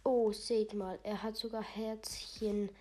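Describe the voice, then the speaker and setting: A woman's voice: mid-range voice, little pitch movement, slow, dark tone, lightly acted. A woman voicing a mocking teenage boy bully who taunts in a sneering way. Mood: taunting.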